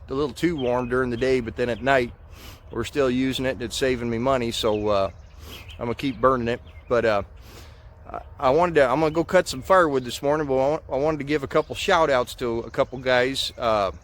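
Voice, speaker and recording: An American man in his thirties chatting casually to camera outdoors in a folksy, hesitant, rambling way, his speech slightly muffled by a lip full of dip. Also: medium pitch. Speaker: vlogger. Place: outdoors in a farmyard. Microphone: camera or phone at about arm's length. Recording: outdoor ambient noise.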